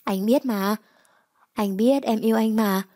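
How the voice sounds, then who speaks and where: A woman's voice: a little high, a little slow, mellow, no room sound. A woman voicing a cocky young gang boss who talks in a smug, coaxing way.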